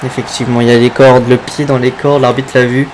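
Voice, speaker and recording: A man's voice: medium pitch, flat delivery, fast, noisy background. A man working as a wrestling commentator, calling the action play-by-play and exclaiming at big moves.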